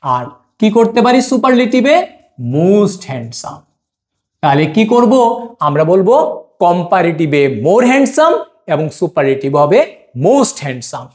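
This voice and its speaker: Male teacher giving a classroom lesson. Animated delivery, answers his own questions. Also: high-pitched. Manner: stretches out the example words slowly. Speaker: English grammar teacher.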